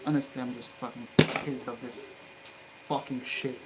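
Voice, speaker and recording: A hobbyist maker muttering and cursing angrily at his work while soldering, with low grumbling broken by sudden loud outbursts. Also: fairly even intonation, moderate pace, heavy background noise.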